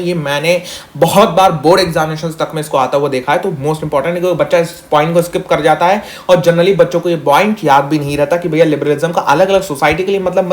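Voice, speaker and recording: A young man teaching a fast, chatty exam-revision lesson, mixing English into Hindi and calling students "meri jaan" and "bhaiya". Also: a little high. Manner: talks fast on purpose.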